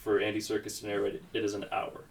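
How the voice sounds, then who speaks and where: Low-voiced man rambling, heard from a distance. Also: monotone, fast talker. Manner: enthusiastic, rambling, searches for words. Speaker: podcast guest. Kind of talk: casual chat. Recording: distant mic, faint background noise.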